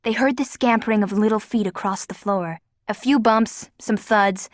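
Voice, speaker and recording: A woman reading a children's fantasy novel aloud as the narrator, in a lively way and voicing each character. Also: mid-range voice, moderate pace, no room sound, studio quality. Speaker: audiobook narrator. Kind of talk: scripted narration.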